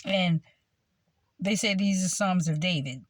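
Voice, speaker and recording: Woman, rambling religious monologue, unhurried delivery, dead-dry sound. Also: fairly low pitch, dry recording. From United States. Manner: meandering, with frequent fillers and repetition. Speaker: self-styled preacher.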